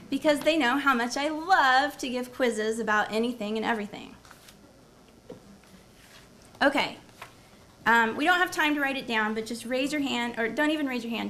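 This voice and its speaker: Woman, university professor, symposium talk, quizzes the audience, somewhat high voice, gravelly, lecture room, faint background hiss. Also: bright, forceful tone. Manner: engaging, quizzes the audience and repeats their answers. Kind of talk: academic presentation with audience quiz.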